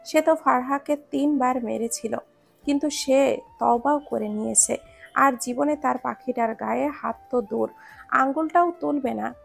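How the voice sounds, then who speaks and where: A woman narrating a romance story in a steady storytelling manner. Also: high-pitched, measured pace, creaky, soft background music.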